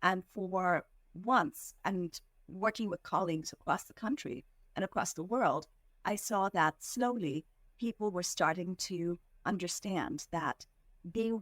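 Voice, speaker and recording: Appearing as a podcast guest, an Indian fundraising executive offers reflective interview answers at a middle pitch. She's earnest and measured, deliberately slowing on the words she means to land. The sound is dry and close-miked, with no room sound at all.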